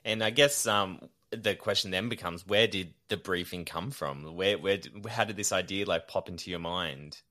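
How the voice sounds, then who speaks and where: A man hosting a casual interview in a polite, hesitant way, often halting as he puts his questions. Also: sits low, sharp tone. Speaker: interview host.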